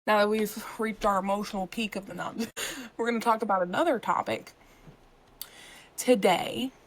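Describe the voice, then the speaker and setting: A woman's voice: mid-range voice, normal speed, poor audio. A young adult woman co-hosting a podcast, joking and supportive in casual chat, with plenty of fillers. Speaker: podcast co-host.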